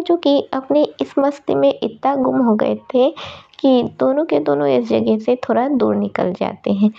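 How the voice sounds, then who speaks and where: A woman casually narrating fan fiction in a relaxed retelling style, mixing in English words. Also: fairly high pitch, creaky. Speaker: storyteller. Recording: dull lo-fi recording.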